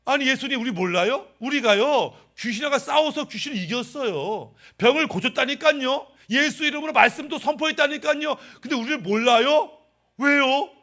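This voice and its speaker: A man's voice: very high voice, normal speed, pushed and bright, voice pushed up, exaggerated voice. A man voicing a complaining, indignant male believer who pleads and demands answers.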